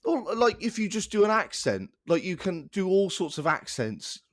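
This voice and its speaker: A man's voice: high voice, big pitch swings, moderate pace, no echo, clean studio sound. A young man co-hosting a casual podcast, ranting in exasperation and restarting his sentences. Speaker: podcast co-host.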